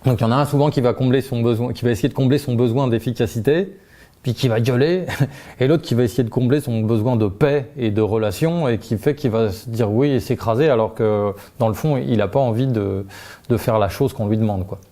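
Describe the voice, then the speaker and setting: A man with a warm, mellow voice explains a method step by step in relaxed, off-the-cuff speech. He speaks informally, full of hesitations and restarts, and his pitch lifts as he calls out each new step. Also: fairly quick. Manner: informal, uses tu, many fillers and restarts, laughs lightly. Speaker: communication trainer. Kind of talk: spontaneous explanatory talk.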